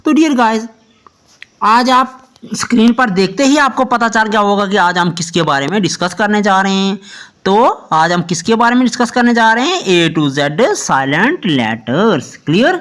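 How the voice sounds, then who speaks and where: Male tutor, high voice, lots of rise and fall, keeps checking in with students. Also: normal speed. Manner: lively teaching tone, keeps asking "clear?". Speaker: English teacher, channel host. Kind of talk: Hindi-language video lesson on English pronunciation.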